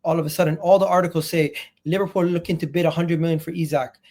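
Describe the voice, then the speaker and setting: Passionate, ranting man, fairly high-pitched. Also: fairly even intonation, quick pace, a little mellow. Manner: passionate, exasperated; blunt, sweary, repeats phrases for emphasis. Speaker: football fan pundit. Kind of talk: opinionated sports rant.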